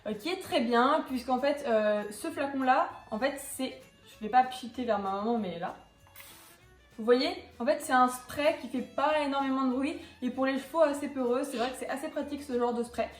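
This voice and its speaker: Speaking at a normal speed, a young woman with a high-pitched voice chats her way through a casual product review for her horse-riding vlog. She keeps hesitating and restarting her sentences, and the roomy recording carries faint background music.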